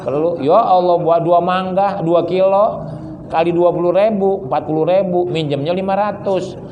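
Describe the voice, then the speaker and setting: A man's voice: high-pitched, fairly even intonation, normal speed, highs cut off, slight background noise. A man with a Betawi Jakarta accent preaching a sermon, joking and acting out little dialogues in different voices. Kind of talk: Islamic study sermon.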